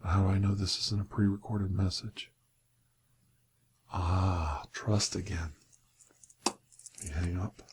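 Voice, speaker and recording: A man in an ASMR role-play, voicing a sly, menacing interrogator who is a time-travelling doctor, questioning and bargaining deliberately. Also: sits low, darkish tone, a little hiss or hum. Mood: probing, persuasive.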